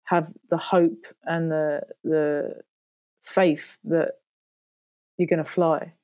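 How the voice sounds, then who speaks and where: Woman in her 40s opening up in an interview, lots of "you know", low mellow voice, dry sound. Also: level tone, slow, no room sound. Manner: open, reflective, frequent "you know". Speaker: guest, singer and podcaster. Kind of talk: candid interview talk.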